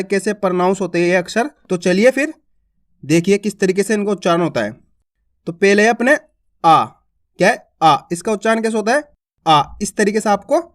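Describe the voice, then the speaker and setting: A man teaching beginners to read, in a patient, colloquial way, stretching out and repeating each vowel sound. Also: high voice. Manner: patient, repetitive, drawn-out vowel drills; addresses viewers as friends, colloquial. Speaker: Hindi teacher. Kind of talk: beginner alphabet lesson.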